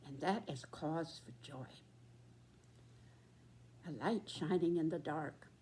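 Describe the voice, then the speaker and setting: A woman in her nineties giving a reflective, earnest address in short, halting phrases. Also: low voice, dark tone, slight background noise. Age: 90s. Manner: very old person's slow, halting delivery in short phrases.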